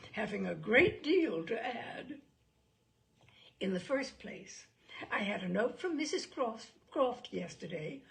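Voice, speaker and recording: Reading a classic novel aloud, a woman voices a self-pitying, gossipy young married gentlewoman, animated and complaining. Her voice is medium-pitched and gravelly.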